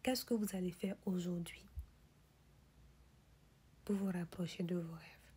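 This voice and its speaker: A woman delivering a motivational speech in a whispery, breathy voice, pressing the listener with insistent rhetorical questions and repeated refrains. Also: fairly low pitch, fairly even intonation, a little slow, dark tone. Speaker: motivational speaker.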